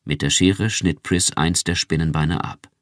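A man narrating an audiobook in a measured, expressive way. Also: low voice, no room sound, studio quality. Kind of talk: scripted narration.

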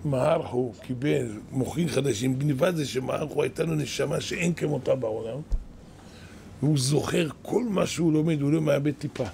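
An older man, a kabbalist rabbi, giving a weekly Torah lesson in an animated, lamenting way, with a gravelly voice. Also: mid-range voice, a little hiss or hum. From Israel. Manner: animated, exclaiming and lamenting, storytelling. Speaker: kabbalist rabbi, yeshiva head. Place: yeshiva study hall.

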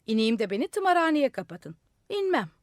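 A woman reading as a wild, stubborn madman on a roof, shouting his refusals in a high, swinging voice that leaps up and down. The sound is close and dry, with no room around it. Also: sing-song, moderate pace, dry recording. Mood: defiant shouting. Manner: loud, shouting demands. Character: stubborn madman on a rooftop, gleeful and defiant. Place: radio studio.

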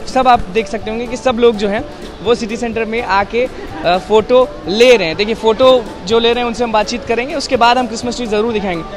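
A young man reporting vox-pop style in a large indoor shopping mall, talking upbeat with a handheld mic. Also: high voice. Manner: upbeat, repetitive presenter talk. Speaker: street reporter.

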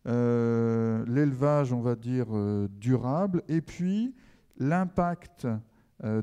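A middle-aged man hosts a panel discussion with a soft-edged, mellow tone. He is informal and seems to think aloud as he moves things along. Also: mid-range voice, smooth. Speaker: round table moderator. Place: stage of an indoor conference hall. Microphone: handheld microphone.

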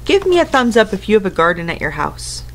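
In a living room at home, a woman in her thirties reads a picture book to small children in a teacher's manner, medium-pitched, sing-song and quick. She uses simple phrasing and weaves questions and asides to the young listeners in with the book's text.

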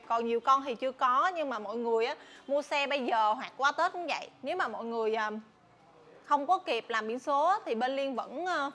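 A young woman with a southern Vietnamese accent giving a casual, chatty sales walkthrough, often pausing and repeating words. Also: sits high, a bit bright. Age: young adult. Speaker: motorbike shop saleswoman presenting stock. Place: large tin-walled motorbike warehouse. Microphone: clip-on lapel mic.

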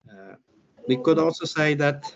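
A man's voice: on the high side, expressive, unhurried, gravelly. An older man presenting research findings on a video call, hesitant with many fillers and restarts. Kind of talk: online conference talk and Q&A. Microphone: laptop mic on video call. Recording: muffled video call audio.

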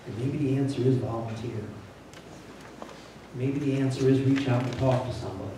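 Speaking fairly quickly in a mid-range voice, an older pastor preaches from the front of a large church, plainspoken and conversational yet rising to urgent emphasis. He uses a handheld mic, but a distant camera records him, so the audio is very echoey with background noise.

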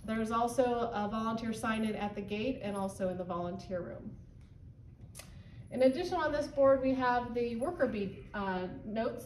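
A volunteer trainer in her thirties, with a fairly high voice, gives a steady how-to walkthrough, pointing at a whiteboard and saying um frequently. She's in an indoor barn office with a wood-paneled wall. Recorded from a distance, the sound is roomy, with faint ambience and background hum.

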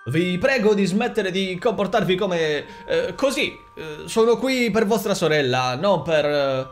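A man's voice: very high-pitched, animated, very slow, soft background music, pitched above the performer's own voice, exaggerated voice. A man voicing a young prince who stammers and calls out anxiously in an audiobook. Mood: flustered. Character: proud flustered young prince.

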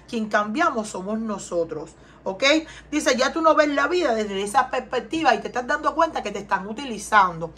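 Speaking from her Texas home, this tarot reader from Cuba has a fairly high, slightly bright and husky voice with a Cuban Spanish accent. Her reading is earnest, and she keeps repeating questions and inviting viewers to answer.

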